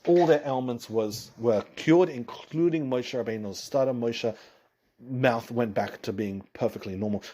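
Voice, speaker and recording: A rabbi tells a Torah story with animated energy, often restarting and correcting himself as he goes. His voice is husky and sits at an ordinary pitch for a man. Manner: animated retelling with frequent restarts and self-corrections.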